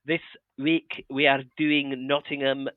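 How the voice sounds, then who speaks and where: A man in his thirties hosting a chatty podcast with a dry, sardonic wit. His voice sits at an ordinary pitch, recorded close and dead, with a slightly muffled, lo-fi tone. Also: flat delivery, slow, dry recording. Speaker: podcast co-host. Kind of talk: casual podcast banter. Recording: slightly dull, dry sound.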